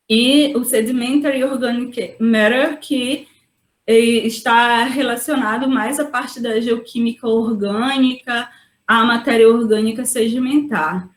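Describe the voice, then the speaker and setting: A woman geologist talks through a webinar lecture in a somewhat high voice, explaining patiently and tagging questions onto her points. Her voice rings in an echoey room, heard over a video call. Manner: explanatory, frequent "né?" tag questions.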